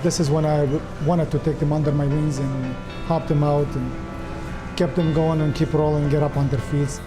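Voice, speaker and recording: A man's voice: fairly high pitch, little pitch movement, moderate pace, rough recording. A man from Lebanon, a restaurant owner talking earnestly in a news feature interview. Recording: music bed under voice. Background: music.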